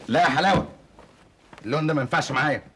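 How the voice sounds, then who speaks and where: A man's voice: on the high side, very fast, sharp tone, slight background noise. A young man playing a cocky, cheeky thief in an Egyptian stage comedy, speaking Egyptian Arabic. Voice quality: cheeky, teasing.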